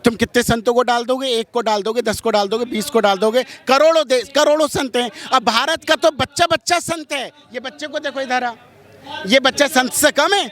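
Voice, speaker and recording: A man talks a little fast in a very high-pitched, slightly bright voice. As a religious figure giving impassioned street interview answers, he is combative and strident, throwing out one rhetorical question after another.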